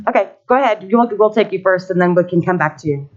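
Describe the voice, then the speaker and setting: A woman chairing a school board meeting, calling speakers up in a brisk, polite way. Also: fairly low pitch, soft background music. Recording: dull distant livestream audio.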